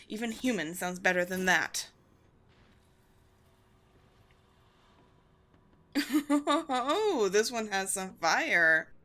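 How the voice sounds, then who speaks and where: A woman plays a haughty, commanding vampire queen in a roleplay audio drama. Her voice is medium-pitched and fairly bright, and she delivers deliberate, theatrical phrases full of amused disdain for humans.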